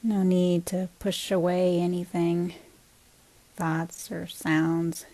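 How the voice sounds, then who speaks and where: A dry recording captures a woman teaching a body scan meditation. She speaks on the low side, in a calm, gentle, unhurried way, pausing between short phrases.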